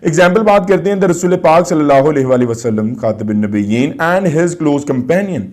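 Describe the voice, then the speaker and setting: A man with a Pakistani accent teaching a class nine English lesson, reading English slowly and explaining quickly in Urdu. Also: a little high, lively intonation, darkish tone. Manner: addresses students directly, asks and answers his own questions.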